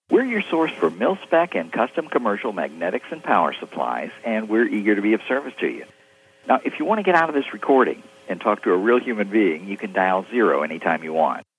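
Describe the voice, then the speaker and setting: A man's voice: lowish voice, slightly rough, low-quality recording. A man reading scripted phone menu greetings as a recorded voice-over announcer.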